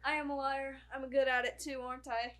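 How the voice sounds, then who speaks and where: A woman's voice: high-pitched, little pitch movement, a little fast, fairly bright tone. A woman chatting casually as a podcast panelist, with exaggerated, cartoonish intonation. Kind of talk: casual chat.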